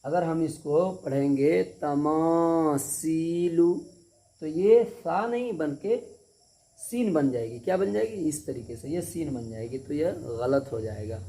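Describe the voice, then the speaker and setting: A man's voice: on the high side, vocal fry, mellow, slight background noise. A man teaching a Quran reading lesson step by step, repeating each point and often checking that the students understood. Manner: patient, repetitive, keeps asking if students understood; stretches out syllables slowly when demonstrating.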